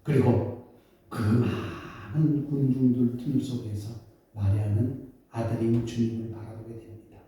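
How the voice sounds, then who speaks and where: A man's voice: mid-range voice, steady tone, measured pace, warm tone. A male pastor preaching a dramatic storytelling sermon, asking his listeners questions. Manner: dramatic, asks the congregation questions. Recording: echoey church hall, mic far off.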